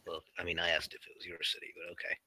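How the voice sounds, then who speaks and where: A man's voice: low-pitched, rapid-fire, dry recording. A man playing a tabletop game with casual, joking banter. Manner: animated, joking.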